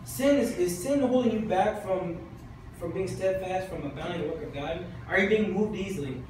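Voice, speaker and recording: A man's voice: high-pitched, normal speed, a little mellow, a little hiss or hum. A man preaching a sermon, exhorting his listeners with insistent repetition. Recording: very echoey church hall from far off.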